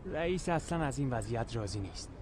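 A man's voice: mid-range voice, lively intonation, natural voice. A man dubbing a frustrated dealer who keeps complaining about bad business. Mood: grumbling. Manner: grumbling, insistent. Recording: city street noise behind.

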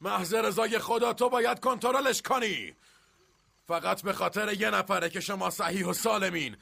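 A blunt, exasperated man lecturing someone. His voice is high and heavily gravelly, bright, and reproachful. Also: exaggerated voice. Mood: scolding. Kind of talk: film dubbing.

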